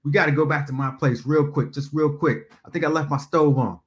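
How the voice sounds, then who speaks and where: A man's voice: on the high side, steady tone, fairly quick, voice pushed up, natural voice. A man playing a pushy, pleading young guy. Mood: evasive. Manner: pleading, smooth-talking. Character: pushy, nervous young man driving recklessly.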